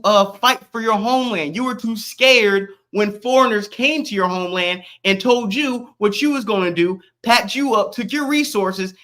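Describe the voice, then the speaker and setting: A man from Florida hosting a live stream, talking straight at his chat. His voice sits high and sounds bright and forceful. He comes across brash and confrontational, mocking the people he answers.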